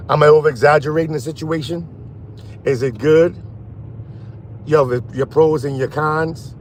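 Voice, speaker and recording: A man hosting a casual phone livestream while driving at night, rambling and halting as he talks to his chat. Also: on the high side, fairly even intonation, slight background noise. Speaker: live stream host. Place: in a car at night.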